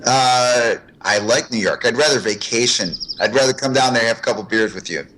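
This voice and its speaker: Laid-back man with mid-pitched voice. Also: brisk, a bit bright, slight background noise, poor audio. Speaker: interview guest, martial arts instructor. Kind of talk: casual interview.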